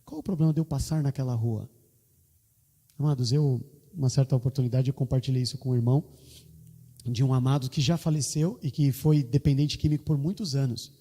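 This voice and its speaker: Impassioned Brazilian preacher in a reverberant hall. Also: male voice, brisk, mellow, breathy edge. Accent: Brazilian Portuguese. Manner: impassioned preaching, voice climbing high on stories. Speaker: pastor. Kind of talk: sermon. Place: church hall. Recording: long church hall reverb.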